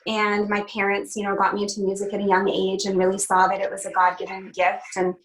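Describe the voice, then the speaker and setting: A young woman from Canada talks as a guest in a relaxed video-call interview. She is chatty and upbeat, laughing easily between thoughts. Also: medium pitch, fast talker, rough recording. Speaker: country singer, interview guest.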